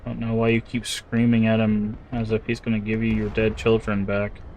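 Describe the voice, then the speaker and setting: Male gamer, lowish voice, relaxed playthrough commentary over audible background noise. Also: moderate pace, poor audio. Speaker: video game player commentator. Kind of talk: casual gameplay commentary.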